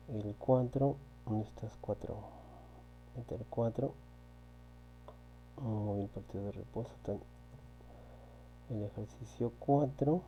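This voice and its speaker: A male physics teacher, his voice very dark and mellow. He explains step by step, repeats key points and keeps asking his students if they follow. A faint electrical hum runs under the recording. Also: mid-range voice, low-quality recording. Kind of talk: recorded online class walking through exercises.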